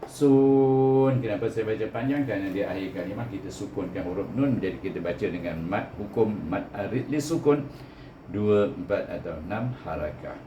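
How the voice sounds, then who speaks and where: A man's voice: deep voice, lively intonation, brisk, lo-fi sound. A man with a Malaysian accent teaching Quran reading step by step, over-enunciating syllables in a didactic way and often tagging points with a short "eh". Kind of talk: step-by-step recitation lesson. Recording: echoey room with background noise.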